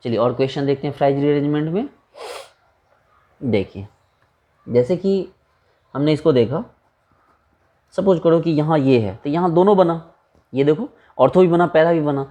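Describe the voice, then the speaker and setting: A man's voice: fairly high pitch, unhurried, pauses often, warm tone. A man teaching a chemistry lecture in a casual, chatty way, asking rhetorical questions and calling students brother.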